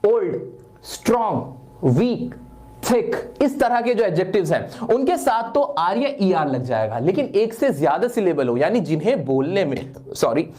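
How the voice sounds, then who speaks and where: Sex: man. Role: lively grammar teacher. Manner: animated. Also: sits high, normal speed, hardly any pauses. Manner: asks and answers his own questions, repeats key points; mixes English words into explanation. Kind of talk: online grammar lesson.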